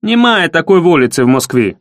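A man voicing a hoarse, mocking young village bully with Ukrainian-mixed speech. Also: sits high, animated, moderate pace, dry recording, studio quality, pitched above the performer's own voice. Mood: menacing. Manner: mocking, taunting village dialect.

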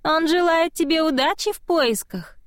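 A woman voicing a tiny, mocking household spirit with a high childlike voice in an audiobook. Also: normal speed, no room sound, studio quality. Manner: mocking, giggling. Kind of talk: audiobook reading.

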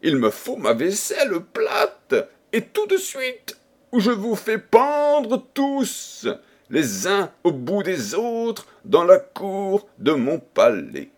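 Guy doing a bossy cranky old king yelling way up high, storybook style. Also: wildly swooping pitch, slow, exaggerated voice. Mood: furious. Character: angry old king, shouting threats.

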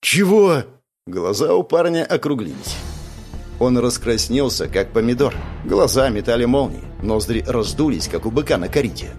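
Lively male audiobook narrator. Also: normal speed, faint music behind. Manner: lively, shifts pitch for characters. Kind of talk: audiobook narration with character voices.

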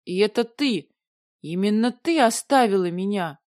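A big, stubborn male dragon growls low and bursts into roars, put on by a woman reading the audiobook. The voice sits close and dry, with no room around it. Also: lively intonation, normal speed, no room sound, natural voice. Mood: roaring. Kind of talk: audiobook character voice.

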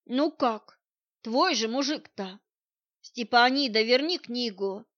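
A fussy small-town librarian, voiced by a woman reading a storybook, nags and pleads in a fairly high voice. The sound is dull and lo-fi. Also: takes it slowly, fairly bright tone, no room sound. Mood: nagging. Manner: pleading, nagging.

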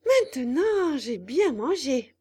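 A woman's voice: high-pitched, big pitch swings, slow, a little mellow, voice pushed up, full character voice. A woman voicing a hungry, bratty wooden puppet boy in a storybook reading, whining and demanding.

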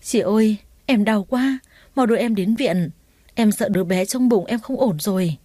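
A woman's voice: medium pitch, normal speed, warm tone, dry recording, studio quality, lightly acted. A woman voicing a young pregnant teacher who is tearful and pleading in pain. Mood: pained crying.

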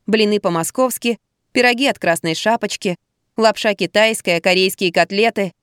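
A woman narrating a comic novel in the first person, in a wry, expressive way. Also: medium pitch, moderate pace, clear, resonant tone, dry recording, clean studio sound. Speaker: audiobook narrator.

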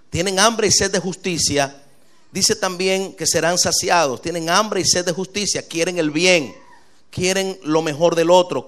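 A male pastor, preaching a sermon with lively, rising delivery and quick asides. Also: high-pitched.

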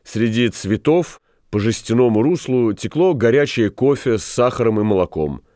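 A man's voice: mid-range voice, animated, moderate pace, mellow, dry recording, clean studio sound, close to an everyday voice. A man reading aloud, voicing a rueful male café owner who tells of his failed schemes in a plaintive, rambling way.

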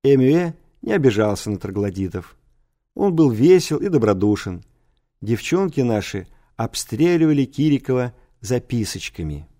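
A man reading a novel aloud as an audiobook narrator, in an even storytelling delivery. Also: mid-range voice, normal speed. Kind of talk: scripted narration.

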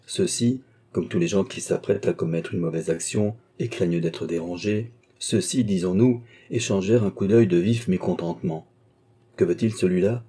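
A man reading a classic novel aloud as narrator, measured and steady. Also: sits low, breathy edge. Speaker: audiobook narrator.

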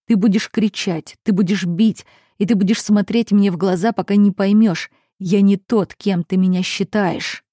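A woman narrator puts on a cold, domineering dragon duke from an audiobook romance. He presses his orders low and insistently. The voice is warm and mellow, and the recording is dry, close and free of any room sound. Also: fairly even intonation, normal speed, dry recording, close to an everyday voice. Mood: commanding.

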